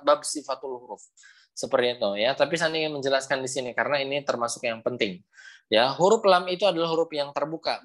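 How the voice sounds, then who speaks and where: A man's voice: on the high side, a bit bright. Patient young man teaching over a video call. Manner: patient, repeats points, models sounds slowly. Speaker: Quran recitation teacher. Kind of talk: online class teaching.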